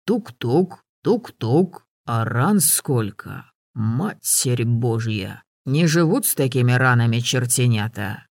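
A man voicing a gruff, sardonic old hunter who barks orders and teases. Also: medium pitch, expressive, takes it slowly, dry recording. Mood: gruff mocking.

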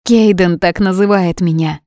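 Woman narrator doing a young witch, defiant, stubborn, grieving, raised voice, lowish pitch, dry close recording. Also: moderate pace, warm tone, no echo, close to an everyday voice.

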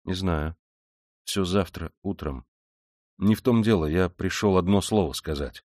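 A brooding young man, sullen and curt, as a male narrator voices him. His voice sinks deep and quiet, with short, grave phrases. The recording is dry and close. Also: a little slow, no room sound. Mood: gloomy. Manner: sullen, low and abrupt. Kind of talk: audiobook character reading.

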